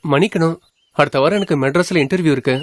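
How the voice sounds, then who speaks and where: An actor playing a polite young groom who asks probing questions. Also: male voice, a little high, fast talker, lightly acted. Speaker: prospective groom. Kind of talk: film acting.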